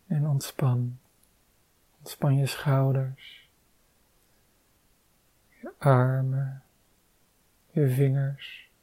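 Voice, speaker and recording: Slow, mellow-voiced meditation guide. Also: mid-range voice, no room sound, poor audio. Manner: calm, soft-spoken, unhurried instructions with long pauses.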